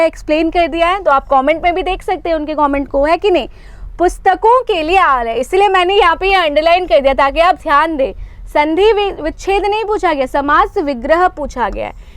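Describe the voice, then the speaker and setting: A woman's voice: high-pitched, no echo. A young woman teaches a live online exam-prep class, explaining patiently and checking in with "isn't it?" as she goes. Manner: explains patiently, repeats points and asks "isn't it?" often.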